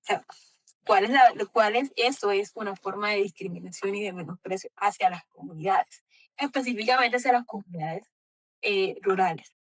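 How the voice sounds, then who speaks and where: A woman's voice: mid-range voice, moderate pace, fairly bright tone, recorded from a distance, poor audio. Passionate Colombian coastal woman, off-mic. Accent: Colombian coastal Spanish. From Colombian Caribbean coast. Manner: passionate, argumentative, many fillers. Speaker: book club host. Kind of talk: casual book club discussion.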